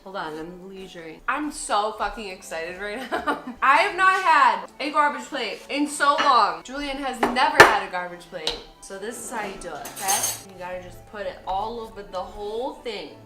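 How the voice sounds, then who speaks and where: A young woman from upstate New York hosting a casual home vlog, excitable and gushing, swearing freely as she chats. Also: mid-range voice, moderate pace, few pauses. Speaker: channel host. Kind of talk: casual chat. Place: home kitchen. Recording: echoey room, faint music.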